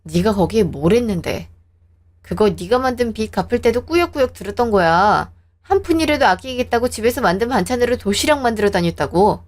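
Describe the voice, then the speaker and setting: A woman reading a scripted radio drama as narrator and wife, in a sharp, indignant way. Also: fairly high pitch, lively intonation, a little fast.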